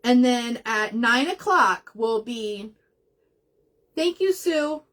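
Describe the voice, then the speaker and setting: A woman's voice: a little high, animated, slow, fairly bright tone. A woman hosting a craft livestream, chatting casually while she works, getting emotional and laughing often as she talks to her viewers.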